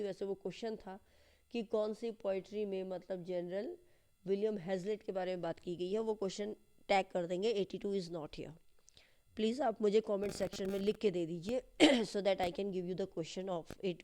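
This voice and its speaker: Woman teacher, exam paper walkthrough, mixes Hindi with English, slow dictation, warm dark tone. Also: medium pitch.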